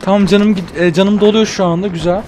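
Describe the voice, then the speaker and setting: A young man giving excited casual commentary while playing a video game, shouting at enemies. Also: sits high, brisk, background noise. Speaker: gaming YouTuber. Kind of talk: casual let's-play commentary.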